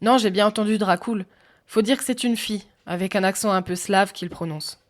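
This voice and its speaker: A woman voicing a cheeky, eager young male assistant who talks quickly and chattily. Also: mid-range voice, natural voice. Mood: chatty.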